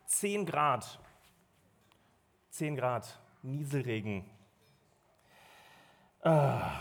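A man in his thirties hosting a church service in a club venue, joking with the crowd and telling them to stand, clap and stamp. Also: fairly high pitch. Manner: upbeat, joking, directing the crowd. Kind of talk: lively church welcome and crowd warm-up.

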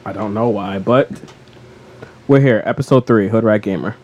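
A man co-hosting a casual gaming podcast, energetic and playful, joking and laughing as he talks. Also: on the low side, normal speed, dull audio. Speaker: podcast co-host.

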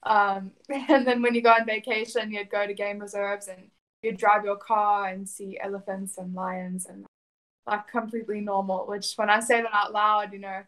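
In a conversational interview, a young woman from South Africa, Afrikaans being her first language, gives plain, steady answers in a level, mid-range voice with little variation. Now and then she laughs softly. The recording is low quality.

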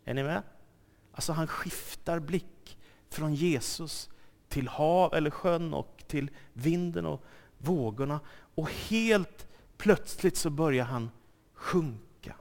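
Guy preaching, bit high voice, acts out the story loud then soft, big echoey hall. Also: vocal fry. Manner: dramatic storytelling, swings from loud acted quotes to soft asides. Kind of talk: sermon. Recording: long hall reverb.

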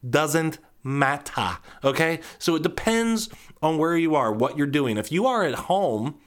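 Podcast guy ranting on his own, cussing a lot, kinda high voice that gets squeaky when he's worked up. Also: animated, a little slow. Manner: rambling, profane, with sudden high squeaky outbursts. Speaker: podcast host. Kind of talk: casual solo monologue.

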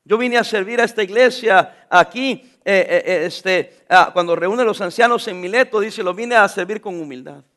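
A middle-aged man preaching a sermon, calling out to the congregation and reading scripture aloud with them. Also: sits high. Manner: animated preaching, calls out to the congregation; reads scripture slowly with the congregation. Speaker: pastor.

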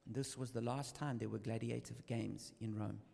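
A man's voice: mid-range voice, steady tone, moderate pace, creaky, warm tone, slightly rough. A man preaching a sermon in English with a live interpreter, telling a story dramatically. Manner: dramatic storytelling, rising and falling with the tale. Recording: reverberant hall sound.

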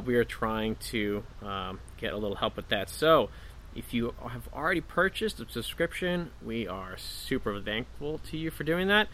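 A man's voice: lowish voice, pushed and bright, a little hiss or hum. A man talking informally and a little hesitantly as the solo host of a casual podcast. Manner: informal, chatty, hesitant phrasing.

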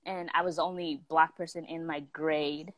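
A woman's voice: low voice, flat delivery, normal speed, no room sound. A young woman from South Africa, telling a story in a casual chat with lots of fillers, acting out the people she quotes.

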